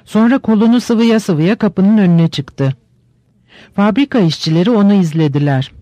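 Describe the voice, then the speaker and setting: A man reading a novel aloud in steady, measured scripted narration. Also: sits high, no room sound, lo-fi sound.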